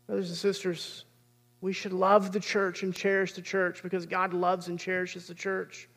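A man's voice: sits high, completely flat delivery, moderate pace, a bit bright. A man, preaching a sermon as pastor in an earnest, conversational way.

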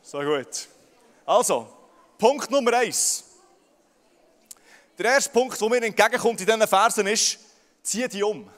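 A man's voice: high voice, unhurried, pauses often, fairly bright tone. A young man with a Swiss German accent preaching a sermon to a large crowd, often stammering and repeating words as he speaks to them directly. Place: large hall with audience. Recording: long hall reverb.

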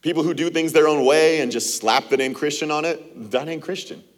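A man's voice: on the high side, brisk. A man in his thirties preaching a sermon as pastor to a church, talking in a loose, conversational way and acting out little dialogues. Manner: conversational preaching with acted-out quotes and laughs. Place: church auditorium.

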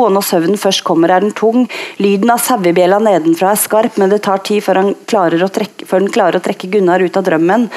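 A woman reading a literary passage aloud in a slow, measured way. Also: lowish voice, darkish tone.

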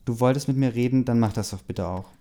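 A man reading the lines of a sharp-tongued, fed-up teenage girl werewolf in a snappy, exasperated way. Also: mid-range voice, fast, close to an everyday voice.

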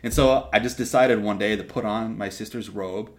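A young man from Texas, a seminarian guest on a podcast, telling his story casually with lively restarts and asides. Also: on the low side. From Texas, USA. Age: young adult. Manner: animated, quick asides and restarts.

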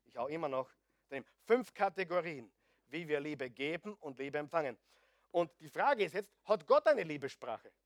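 A man's voice: expressive, moderate pace, dry recording, clean studio sound. Playful joking male preacher. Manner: joking, playful asides to the congregation; swings between loud emphasis and hushed low asides. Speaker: pastor. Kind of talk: sermon.

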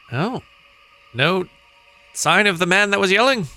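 Bright, wry man playing a tabletop game. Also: sits high, animated, takes it slowly, soft background music. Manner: wry, playful banter. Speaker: player. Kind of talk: casual tabletop play.

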